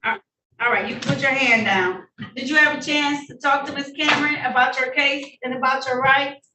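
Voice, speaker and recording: A woman judge running formal hearings, brisk and polite, heard in a courtroom recording. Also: high-pitched, fairly even intonation, bright, forceful tone. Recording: echoey room heard from a distance, faint noise.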